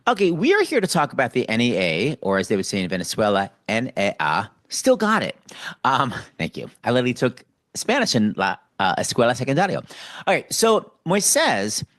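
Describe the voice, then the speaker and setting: Man, interviewer, joking, very lively intonation, dry sound. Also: medium pitch, brisk, dry recording. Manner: playful, joking. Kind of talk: casual interview.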